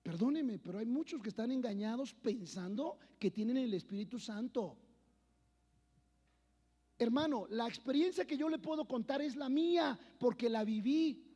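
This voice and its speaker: A man preaching a sermon as pastor, swinging between loud declarations and quiet personal storytelling. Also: extremely high pitch, animated, moderate pace. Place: church. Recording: long church hall reverb.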